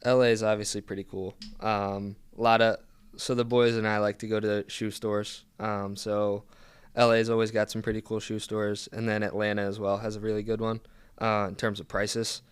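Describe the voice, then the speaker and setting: Easygoing young man, clear low voice. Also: flat delivery, normal speed, dry recording. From Philadelphia. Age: young adult. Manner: easygoing, many "um"s and restarts. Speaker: guest, pro soccer player. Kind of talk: casual podcast chat.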